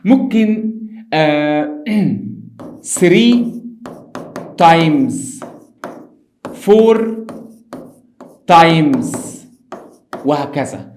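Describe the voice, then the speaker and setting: A man with an Egyptian Arabic accent explaining English grammar in a lively, teasing classroom style, speaking directly to his students. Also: fairly high pitch, drawn-out words, pauses often, a little hiss or hum. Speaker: English teacher.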